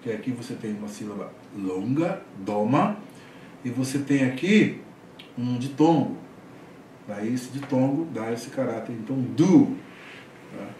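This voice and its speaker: A man's voice: mid-range voice, lively intonation, measured pace, dark tone. Guy teaching a class, keeps asking "tá?", far from the mic with a bit of hiss. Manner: explanatory, frequent "tá?" checks, hesitant restarts. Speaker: Greek teacher. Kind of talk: classroom lecture. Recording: echoey room, voice from far off.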